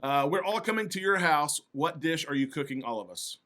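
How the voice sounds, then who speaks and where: A man hosting a casual interview, agreeable and quick to echo short affirmations. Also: on the high side, lively intonation, bright, forceful tone. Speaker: interview host.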